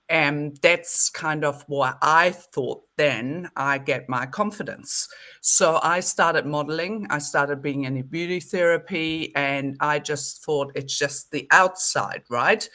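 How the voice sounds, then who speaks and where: A woman's voice: low voice, fairly bright tone. A woman in her sixties with a German accent, a podcast guest telling her story in a reflective, earnest way. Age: 60s. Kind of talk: casual interview chat.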